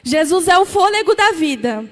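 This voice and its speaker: A woman's voice: very high-pitched, big pitch swings, normal speed, a bit bright. A woman with a Brazilian Portuguese accent preaching a sermon, with emphatic, repeated questions to the congregation. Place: church. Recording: long church reverb.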